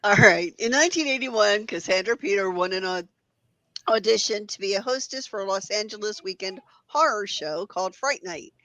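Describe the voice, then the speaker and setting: Bright-voiced woman in dry, close sound. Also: medium pitch, normal speed, dry recording, poor audio. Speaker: guest presenter of horror-host clips. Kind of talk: casual panel chat with prepared notes.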